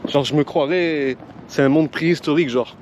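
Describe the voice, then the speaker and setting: A man's voice: fairly high pitch, normal speed, darkish tone, highs cut off, a little hiss or hum. A young man, chatting casually with English slang in a car. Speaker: passenger in a two-man car vlog. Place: inside a moving car. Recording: clear music behind, in-car sound. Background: music.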